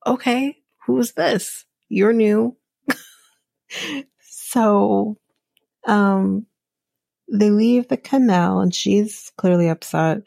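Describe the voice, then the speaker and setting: Slow, gravelly-voiced opinionated woman. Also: medium pitch, a little mellow, dry recording. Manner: opinionated, chatty, frequent "like" and "um", laughs at her own asides. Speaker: podcast host recapping a reality show. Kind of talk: casual chat.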